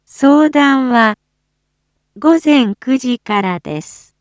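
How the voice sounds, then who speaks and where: Very slow, measured woman announcer, dull audio. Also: sits high, lively intonation, dry recording. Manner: measured, short phrases with deliberate pauses. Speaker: municipal public-address announcer. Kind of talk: formal scripted public announcement.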